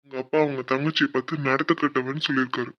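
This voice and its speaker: A woman's voice: very deep voice, level tone, fast, muffled recording, pitched below the performer's own voice. A woman voicing a level-headed young male college friend who reasons and soothes. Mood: earnest.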